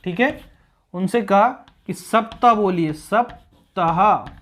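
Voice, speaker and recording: A man's voice: sits high, normal speed. Male tutor, exam-prep grammar lesson; patient, explanatory, drills key points. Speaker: teacher.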